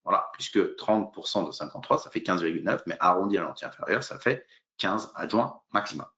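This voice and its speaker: Un avocat anime un webinaire juridique et livre une présentation explicative semi-improvisée, didactique et progressive, ponctuée de nombreuses hésitations et mots de remplissage. Sa voix d'homme est plutôt grave, expressive et au timbre tranchant, avec un débit rapide. L'enregistrement est étouffé.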